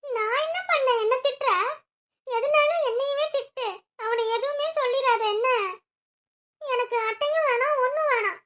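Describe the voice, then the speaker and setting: A woman's voice: extremely high pitch, normal speed, long pauses, fairly bright tone. A woman voicing a sulky, tearful schoolgirl who whines and complains to her mother in a cartoon. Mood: whiny. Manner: whining, complaining. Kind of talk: cartoon voice-over.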